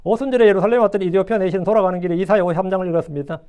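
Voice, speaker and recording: A man's voice: sits high, fairly even intonation, rapid-fire, a little mellow, smooth. A male pastor preaching a sermon, repeating his phrases, asking rhetorical questions and dropping English phrases into his talk.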